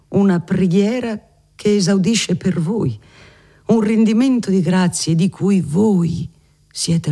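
A man voicing a gentle, fervent elderly cardinal who speaks with earnest tenderness. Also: high voice, husky, voice pushed up.

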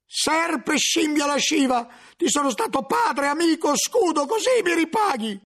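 A man voicing a furious, desperate monk cellarer who shouts his accusations. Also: sing-song, unhurried, exaggerated voice. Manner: shouting, high-strung.

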